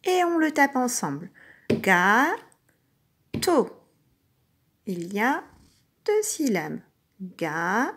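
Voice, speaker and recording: A woman teacher giving a recorded lesson to young children, speaking patiently and sounding out each syllable clearly. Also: sits high, very animated, measured pace. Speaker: kindergarten teacher.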